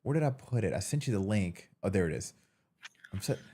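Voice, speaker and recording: A man's voice: fairly low pitch, sing-song, a little fast, warm tone, breathy edge. A man hosting his live stream in a casual chatty way, greeting viewers by name in an upbeat tone. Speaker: streamer host.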